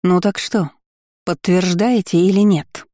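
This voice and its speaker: A stern young noblewoman from an audiobook fantasy tale, commanding and cold as she presses for an answer, as a male narrator puts her on. Her voice is lifted higher than his usual tone but stays mellow. The read is dry and close. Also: normal speed, no echo. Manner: commanding, threatening.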